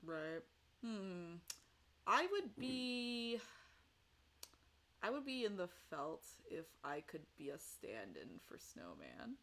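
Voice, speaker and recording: A woman's voice: fairly low pitch, very animated, takes it slowly, long pauses, fairly bright tone. A woman hosting a casual online fan panel game, rambling and laughing as she talks. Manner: rambling, laughing, self-correcting. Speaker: game host. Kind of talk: casual chat on a livestream panel.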